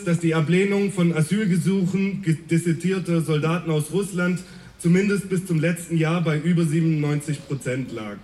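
Male rally speaker, slightly high voice, earnest and polemical, reads a prepared speech outdoors. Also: darkish tone, a little hiss or hum.

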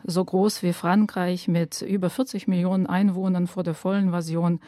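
Earnest woman from Ukraine, low mellow voice. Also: no room sound, clean studio sound. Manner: earnest, thoughtful, frequent hesitations. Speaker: guest, activist. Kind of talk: conversational podcast talk. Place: radio studio.

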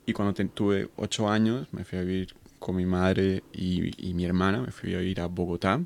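Interview guest from Colombia, thirties, deep and gravelly, reflective, restarts often. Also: male voice, level tone, normal speed, darkish tone. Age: 30s. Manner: thoughtful, many fillers and restarts. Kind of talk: conversational interview.

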